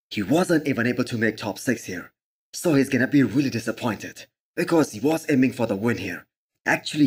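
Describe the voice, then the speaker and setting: Male fitness channel host for commentary voice-over: slightly rough, husky tone, medium pitch, opinionated and emphatic delivery.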